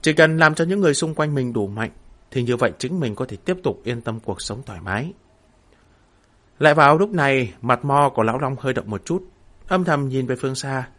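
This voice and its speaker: A man narrating a fantasy novel in a steady, dramatic storytelling voice. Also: medium pitch, fairly quick. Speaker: audiobook narrator.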